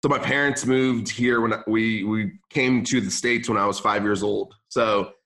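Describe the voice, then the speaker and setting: Casual lower-voiced man, easygoing talker. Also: fairly even intonation, unhurried, a bit bright. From Lebanon, raised in California. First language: not English. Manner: casual, says "man" often, restarts sentences. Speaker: podcast guest, gym business owner. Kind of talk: casual interview chat.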